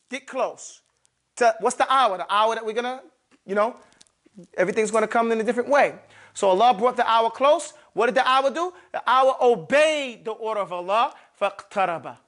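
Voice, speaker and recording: A man with a high-pitched voice leads a grammar class in a mosque. He keeps firing questions at his students and repeats each term so they drill it along with him. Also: fairly bright tone. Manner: quizzes students, repeats terms and drills them. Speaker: Arabic grammar teacher.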